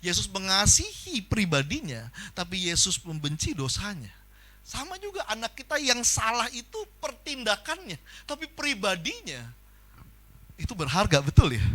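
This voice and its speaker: A man preaching a sermon in a church, talking with animation and acting out the people he quotes in loud bursts. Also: high-pitched. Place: church hall.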